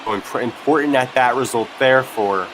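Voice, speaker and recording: A man's voice: medium pitch, moderate pace, noisy background. A man working as a color commentator, giving conversational live baseball analysis.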